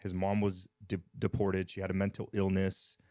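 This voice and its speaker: Low-voiced laid-back male podcast host. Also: monotone, moderate pace, warm tone, no room sound, clean studio sound. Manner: laid-back, slangy, says dude and bro. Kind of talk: casual podcast interview.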